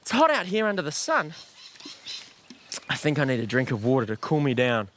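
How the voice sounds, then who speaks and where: A man's voice: medium pitch, fairly quick, a little hiss or hum. An Australian man presenting a children's show in a playful, exclamatory, musical style. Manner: exclamatory, animated. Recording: loud music under the voice.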